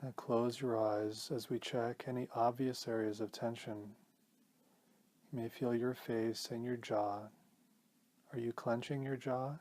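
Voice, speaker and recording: Here a man teaches a guided meditation. His voice is mid-range, and he speaks gently and calmly, pacing his words carefully with pauses.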